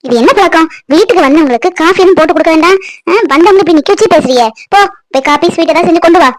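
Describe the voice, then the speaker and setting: A woman playing a haughty, snobbish mother-in-law. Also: very high-pitched. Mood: scolding. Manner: dismissive, scolding, fast-talking. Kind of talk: family drama skit.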